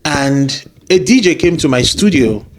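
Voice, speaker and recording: A man's voice: a little high, animated, a little slow, slight background noise. A man with a Nigerian accent tells his story as an interview guest. He talks casually and animatedly, and sometimes acts out the people he quotes.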